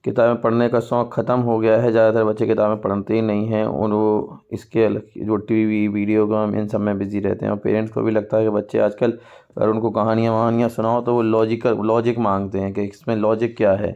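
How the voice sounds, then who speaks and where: An Indian male English teacher speaks in a low, steady voice that hardly rises or falls, clear and smooth. He reads English lines aloud slowly, then explains them in Hindi. The sound is a little dull and lo-fi. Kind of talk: exam-prep lesson.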